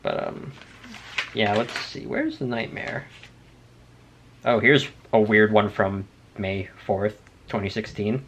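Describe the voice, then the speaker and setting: A man's voice: fairly low pitch, slow, pauses often, a bit bright, a little hiss or hum. A young man rambling casually in a hesitant, self-deprecating, nerdy way, now and then reading out notes. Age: young adult. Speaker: video creator. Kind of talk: casual rambling chat, reading out journal entries.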